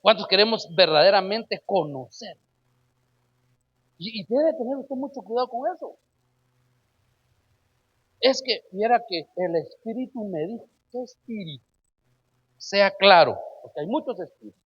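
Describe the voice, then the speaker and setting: A husky, fairly high-pitched man preaching an emphatic sermon. He calls out to his listeners as brother and fires rhetorical questions at them. The recording sounds dull and lo-fi. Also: lively intonation, measured pace, long pauses.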